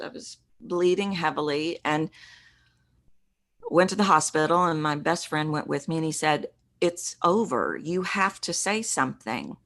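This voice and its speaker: A middle-aged woman, a voice coach, telling a personal story in an interview in an earnest, reflective way with halting restarts. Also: on the low side, a bit bright. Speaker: podcast guest, voice coach.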